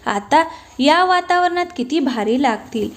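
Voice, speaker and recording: A woman's voice: high-pitched, expressive, measured pace. A woman voicing a group of rowdy young male friends who tease their buddy, in a storybook reading.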